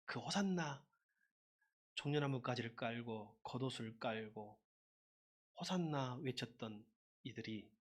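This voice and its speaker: A man preaching a sermon as a pastor, lively and conversational, leading his congregation in call-and-response shouts. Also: medium pitch, a little slow, pauses often.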